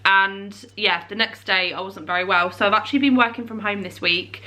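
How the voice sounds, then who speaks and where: Her voice sits in the middle range, steady in tone, fairly quick, and pushed bright. She's a young lifestyle vlogger chatting casually to camera from home, congested and sniffling from a cold as she rambles on.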